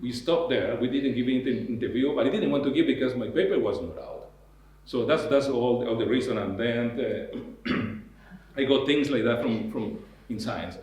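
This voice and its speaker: Halting male lecturer in an echoey hall. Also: medium pitch, a little mellow. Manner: halting, full of restarts and repeated words. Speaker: university lecturer. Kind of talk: academic lecture.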